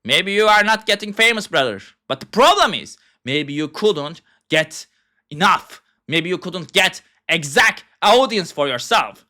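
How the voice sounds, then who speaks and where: A man's voice: sits high, very animated, a little slow, bright, forceful tone. A young man with a Turkish accent in a heated, profane monologue, speaking in broken English. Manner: heated, profane, ungrammatical rant. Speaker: self-styled philosopher. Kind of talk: ranting monologue.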